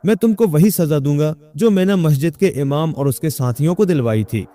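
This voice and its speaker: A man's voice: on the high side, animated, mellow, close to an everyday voice. A man voicing a young man who insists he is the caliph, speaking in a commanding, indignant way.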